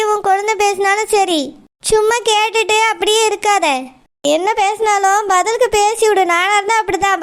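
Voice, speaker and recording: A woman voicing a fiery, outspoken younger sister. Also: very high voice. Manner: blunt, insistent and scolding. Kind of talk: village cartoon voice acting.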